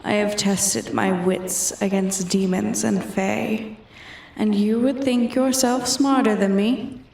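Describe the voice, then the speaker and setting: Woman doing an arrogant old dragon lady, asmr roleplay, slow menacing taunts, whispery at times, kinda far from the mic with echo. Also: mid-range voice, steady tone, vocal fry, a little mellow. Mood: haughty, mocking. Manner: slow, haughty, taunting, often dropping to a whisper. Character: ancient arrogant female dragon, menacing and predatory. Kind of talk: roleplay ASMR, scripted dramatic monologue. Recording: echoey, distant from the mic.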